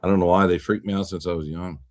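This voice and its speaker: Male podcast host, very low voice, dry sound, rambling and blunt. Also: fairly even intonation, fast talker, no room sound. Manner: rambling, repeats words, swears when riled. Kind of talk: casual political chat.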